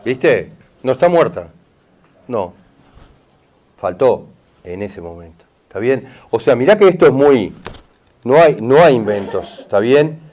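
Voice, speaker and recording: A middle-aged therapist speaking Rioplatense Spanish leads a consultation with an audience member, pausing often at a measured pace. His medium-pitched voice is expressive and darkish, and he insistently keeps asking "¿está bien?" and saying "mirá" to check he's followed.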